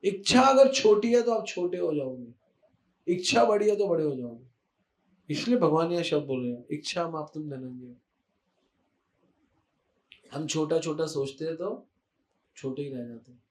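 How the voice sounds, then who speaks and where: A man giving an animated devotional talk, emphatic and repetitive, slipping English words into speech. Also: a little high, moderate pace, long pauses, roomy sound. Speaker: spiritual speaker.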